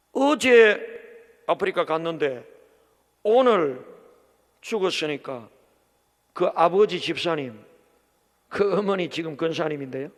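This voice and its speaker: A middle-aged man preaching a sermon as pastor, telling a story with swings from shouting to hushed speech. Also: sits high. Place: large church hall. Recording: long church hall reverb.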